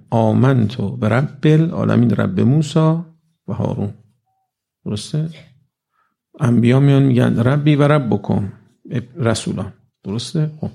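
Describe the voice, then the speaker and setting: A man giving a conversational religious lecture to a live audience, reciting verses slowly and often asking "right?". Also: medium pitch, vocal fry, warm tone, slightly rough.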